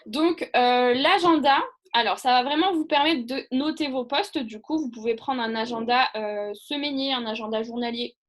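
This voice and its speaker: A woman's voice: on the high side, normal speed. A woman giving a casual live online training over a video call, chatty and rambling, with many fillers and restarts.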